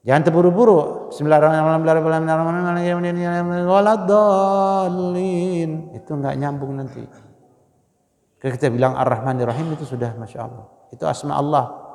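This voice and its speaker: A man preaching a dawn Ramadan sermon, swinging from loud exclamations to hushed prayers and chanting verses slowly. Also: mid-range voice, creaky, in a large hall. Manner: emotional, swings between loud exclamations and near-whispered prayers; chants Quranic verses slowly in melodic recitation. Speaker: Islamic scholar.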